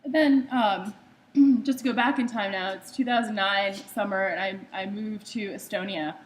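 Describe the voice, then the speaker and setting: A young woman from the United States gives a slide talk on her own art, speaking conversationally with frequent ums and uhs. Her voice is medium-pitched and unhurried, and the audio is poor.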